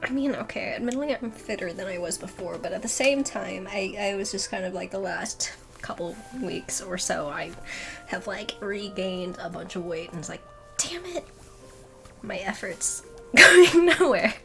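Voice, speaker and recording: A woman's voice: mid-range voice, moderate pace, creaky, faint music behind. A woman in her twenties chatting casually while gaming, self-mocking, swearing and laughing often. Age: 20s. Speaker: streamer.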